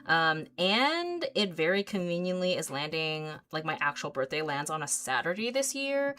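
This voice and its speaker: A woman in her mid-thirties talks casually to her livestream viewers while she paints. Her voice sits notably low for a woman, and she rambles along with plenty of ums, likes and small giggles. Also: sing-song, normal speed, pushed and bright. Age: 30s. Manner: rambling, filler-heavy, giggly. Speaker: artist livestream host.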